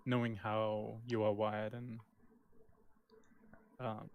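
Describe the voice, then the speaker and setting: A man's voice: fairly low pitch, flat delivery, takes it slowly, dull audio, slight background noise. A young man chatting candidly as a podcast co-host, often breaking off and restarting his sentences. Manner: candid, self-interrupting. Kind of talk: casual chat.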